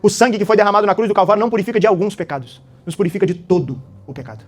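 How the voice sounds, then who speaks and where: A man, preaching an animated, dramatic sermon and often tossing out little tag questions. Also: high-pitched, rapid-fire, faint music behind.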